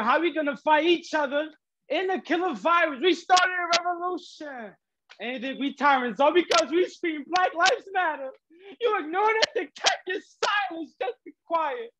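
A man's voice: extremely high pitch, fairly bright tone, a little hiss or hum. A young man, a student, performing spoken word poetry over a video call, with a rhythmic, emphatic delivery. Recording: dull lo-fi video call audio.

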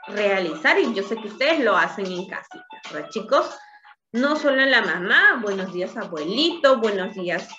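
A woman teaching young children in a slow, patient lesson. She coaxes them along, checking in after nearly every phrase. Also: fairly high pitch, bright, forceful tone. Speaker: preschool teacher. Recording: dull lo-fi recording with faint music.

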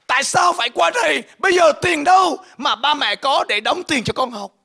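A man voicing his distraught young adult daughter, crying out in loud, accusing protest. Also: very high voice, normal speed, gravelly, voice pushed up, heavily acted.

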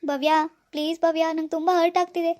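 A woman's voice: very high voice, flat delivery, brisk, a little mellow. A woman voicing a poor, lovesick young village man in a cartoon, pleading with his girlfriend. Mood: hurt. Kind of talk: cartoon dialogue voice acting.

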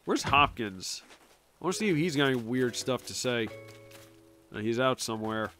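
A gaming streamer with an expressive, slightly bright medium-pitched voice chats at normal speed over soft background music. Jokey and a bit sniffly from allergies, he talks to himself and to the game's characters as he plays.

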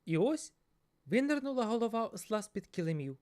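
Woman storyteller, fairy tale narration, playful with a lively melody. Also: medium pitch, brisk. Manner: playful, expressive.

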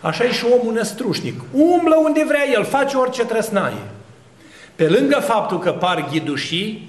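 A man's voice: high-pitched, roomy sound. A man preaching an Orthodox sermon, asking rhetorical questions and building long spoken lists. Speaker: Orthodox priest.

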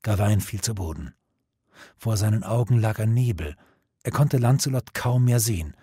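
A man narrating an audiobook in a measured, dramatic storytelling manner. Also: fairly low pitch, expressive, mellow, breathy edge, no room sound, studio quality.

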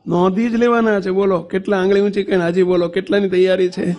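A man's voice: high voice, quick pace. A man preaching a devotional sermon to a temple congregation, telling stories, acting out quotes and asking the listeners questions. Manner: animated storytelling, acts out quotes, asks the audience questions. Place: temple assembly hall.

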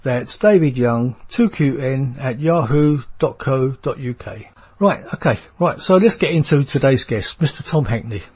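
A man's voice: mid-range voice, expressive, moderate pace, darkish tone, breathy edge. A man with a London accent hosting a radio show, chatting casually and rambling with fillers. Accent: London English. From England.

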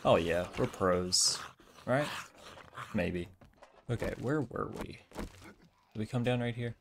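A man's voice: fairly low pitch, takes it slowly, creaky, background noise. A man giving casual, chatty commentary while playing a survival game, joking at himself as he loots. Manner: chatty, self-mocking, talks to himself while looting.

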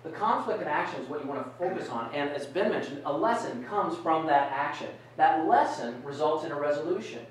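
This keynote comes from a middle-aged man with a slightly high voice, giving an animated, interactive talk and asking the audience questions. He's in an indoor conference room with a projector screen, captured from afar by a camera rather than a mic, so it sounds echoey with a bit of hiss or hum.

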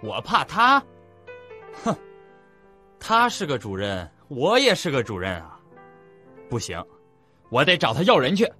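An actor playing a petty, blustering middle-aged male shopkeeper in an audiobook drama, huffing and quick to shout. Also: fairly high pitch, wildly swooping pitch, husky, soft background music, heavily acted. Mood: agitated. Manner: hot-tempered, huffing, shouting. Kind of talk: audiobook radio-drama acting.

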